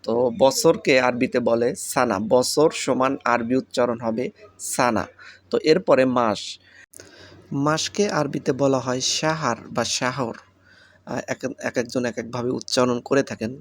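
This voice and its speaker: A man with a Bangladeshi Bengali accent gives a casual spoken lesson. His voice sits at an ordinary middle pitch. He says each term several times so listeners can memorize it. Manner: repeats each word slowly for learners. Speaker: language teacher.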